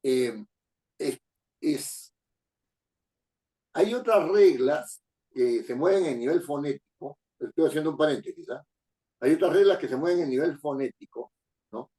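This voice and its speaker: Hombre mayor que da clase con tono enfático. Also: male voice, a little high, animated, measured pace, long pauses, mellow, rough recording. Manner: emphatic, repeats phrases, asks for confirmation. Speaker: lecturer. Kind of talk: classroom lecture.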